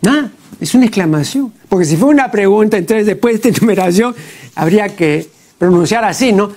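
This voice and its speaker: This man, hosting a TV program, picks apart a translation's mistakes in studio commentary, his high voice animated with a darkish tone. He stays deliberate and pedantic, leaning on "pues" and tagging lines with "¿no?", in TV program audio.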